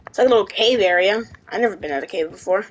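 A woman's voice: medium pitch, rapid-fire, poor audio. A woman roleplaying an outlaw parent in a western game, talking casually with many fillers. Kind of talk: in-character game roleplay chat.

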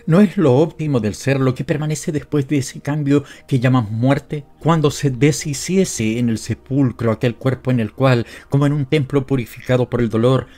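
A man with a Latin American Spanish accent giving a measured, expressive literary narration. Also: medium pitch. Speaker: audiobook narrator.

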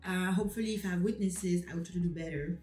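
A woman's voice: on the low side, quick pace, a little mellow, roomy sound, faint music behind, low-quality recording. A young woman chatting casually to camera in a rambling, self-deprecating way, with many fillers. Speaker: vlogger. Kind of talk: casual vlog chat to camera.

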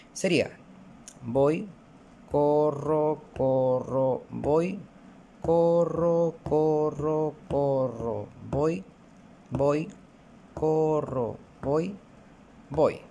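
Slow, patient male teacher. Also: fairly high pitch, darkish tone, slight background noise. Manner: slow, patient, counts rhythms aloud. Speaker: music teacher. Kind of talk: recorded music lesson.

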